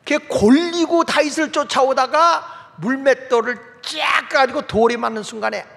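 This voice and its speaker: A man's voice: extremely high pitch, moderate pace, gravelly, fairly bright tone. A male pastor preaching a sermon in a folksy way, asking the congregation questions as he goes. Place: church sanctuary. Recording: long reverb of a large hall.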